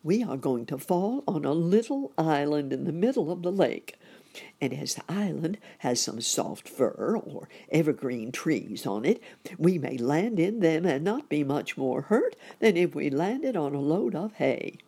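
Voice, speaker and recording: A woman's voice: sits low, very animated, a little slow, dark tone, slightly rough, full character voice. A woman voicing a jolly, kindly old rabbit uncle in a children's storybook, genial and old-fashioned in phrasing. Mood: relieved, hopeful.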